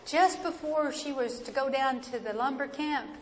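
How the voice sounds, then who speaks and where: A woman with an Appalachian accent telling a family story aloud in a folksy, dramatic, deliberate way. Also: high voice. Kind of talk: oral family storytelling, live performance. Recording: echoey hall with noticeable background noise.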